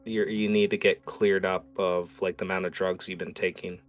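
A man working as game master, improvising narration for a tabletop game in a casual, halting way and prompting players. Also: sits low, level tone. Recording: music playing behind.

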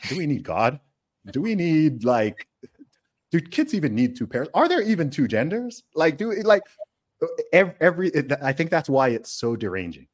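With a mid-range, darkish voice, the UK-born host raised in Saudi Arabia leads a conversational podcast. He argues his views emphatically, repeats words, and uses checking tags along the way.

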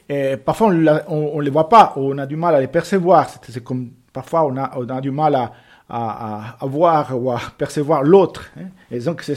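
Guy casually pitching books, stops and restarts a lot, slightly high voice. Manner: hesitant, searching for words. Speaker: book presenter. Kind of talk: casual book recommendation.

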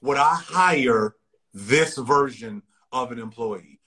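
A man hosting a podcast, giving energetic, preachy productivity advice full of rhetorical questions. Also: mid-range voice, slow, breathy edge. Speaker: podcast host. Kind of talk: casual podcast chat.

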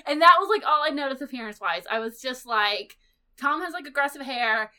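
A woman's voice: high voice, expressive, a little fast, bright, forceful tone. A woman guest on a casual podcast chat, talking hesitantly with many fillers and quoting her own thoughts.

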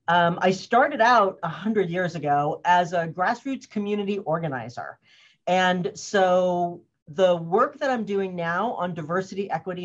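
A woman's voice: lowish voice, highs cut off. A woman in her fifties, a guest in an interview, talking thoughtfully with many fillers and restarts. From US, grew up in Cambridge, Massachusetts. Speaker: guest, organizational wellness consultant. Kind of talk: casual interview talk.

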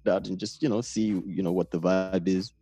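A man's voice: low-pitched, steady tone, a little fast, dark tone, breathy edge, no room sound. A man in his thirties from Namibia with a Namibian accent, telling stories in a laid-back, rambling way during a casual conversation. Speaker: guest.

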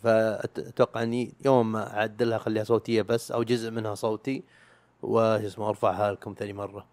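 Rapid, rambling man. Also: lowish voice, level tone, a little mellow, no room sound. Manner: rambling and self-mocking, with slang and swearing. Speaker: YouTube podcaster. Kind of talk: casual chat.

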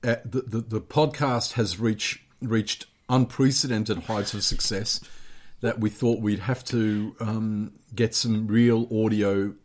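Dry-humoured man, halting banter. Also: on the low side, steady tone. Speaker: podcast co-host. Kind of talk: casual comedic chat.

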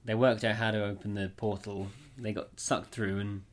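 A man's voice: on the low side, level tone, normal speed. A man co-hosting a podcast, casually retelling a horror story with quoted dialogue and frequent laughs. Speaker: podcast co-host. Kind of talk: casual chat about horror fiction.

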